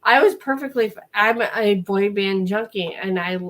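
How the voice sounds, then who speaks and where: A woman co-hosting a relaxed chat, her voice hoarse and giving out. She still talks in an animated, chatty way, mid-range in pitch. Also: normal speed, slight background noise. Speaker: co-host. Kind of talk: casual chat.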